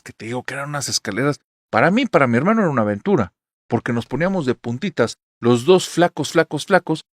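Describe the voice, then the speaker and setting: A man's voice: medium pitch, dry recording, clean studio sound. A man with a Mexican accent narrates a first-person horror tale in a conversational way, speaking straight to the listener.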